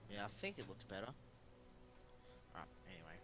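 A man chatting with a friend while playing a video game, easygoing and relaxed. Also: low voice, normal speed, noisy background. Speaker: gamer. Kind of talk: casual gameplay chat. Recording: game audio clearly behind voice. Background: video game sounds.

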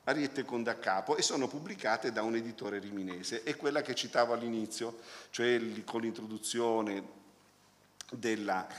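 A man's voice: on the low side, a bit bright. A man presenting a poetry book as a critic, talking through the poems analytically and hesitantly as he searches for words. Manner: analytical, close reading of sound patterns. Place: lecture hall. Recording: long reverb of a hall.

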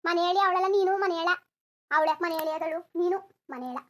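A woman voicing an aggrieved, sharp-tongued village wife in a cartoon, scolding and resentful. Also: extremely high pitch, fast talker. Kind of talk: cartoon voice acting.

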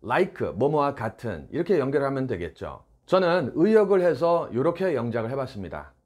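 A man hosting an English lesson, explaining in a clear, lively way and reading English phrases slowly for learners to repeat. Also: medium pitch. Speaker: English teacher and channel host. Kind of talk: instructional lesson.

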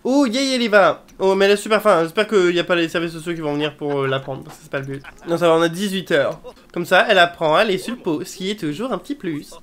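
A woman who makes let's-play videos chats casually while playing a life-simulation game, swearing and dropping English exclamations. Her voice is lowish and fast.

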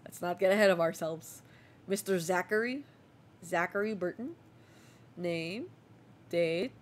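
A woman's voice: fairly low pitch, unhurried. A woman giving playful gameplay commentary while role-playing a border officer. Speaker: game streamer.

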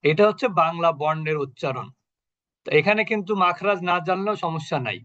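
A man teaching an online tajweed class, slowly repeating syllables and asking questions he then answers himself. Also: on the high side, bright, forceful tone, no room sound, dull audio. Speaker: Quran recitation teacher. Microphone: video call.

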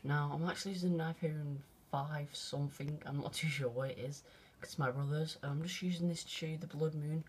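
Excitable young guy rambling. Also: on the high side, fairly quick, breathy edge. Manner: rambling and excitable, full of fillers and casual slang. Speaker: vlogger. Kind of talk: excited off-the-cuff phone commentary. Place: at home by an open window at night. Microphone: phone held out of a window.

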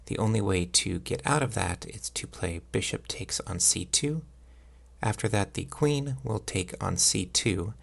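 A man with a low voice full of heavy creak explains chess positions in a measured, instructional way. His tone is a husky rasp, suited to podcast commentary. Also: fairly bright tone.

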